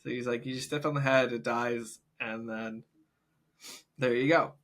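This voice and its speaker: A man's voice: mid-range voice, moderate pace. A man co-hosting a podcast, telling a story in casual chat and laughing through it. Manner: laughs through his own story, animated. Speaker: podcast co-host.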